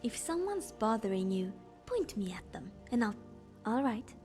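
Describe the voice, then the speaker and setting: Lydia, a dry, loyal housecarl. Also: female voice, a little high, very animated, moderate pace, darkish tone, faint music behind. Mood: dutiful. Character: loyal young female housecarl, dry and steady. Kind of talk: video game dialogue.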